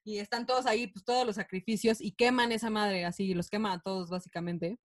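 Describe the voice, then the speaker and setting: A woman's voice: medium pitch, steady tone, brisk. A woman with a Mexican accent co-hosts a casual film discussion. She talks in a chatty, slangy storyteller's way and swears freely as she walks through scenes. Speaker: podcast co-host.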